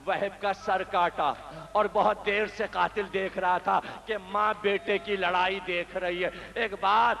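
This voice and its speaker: A man's voice: high voice, fairly even intonation, gravelly, bright, forceful tone. A male preacher narrating a majlis sermon with dramatic, impassioned storytelling in a gathering hall. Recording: echoey hall reverb.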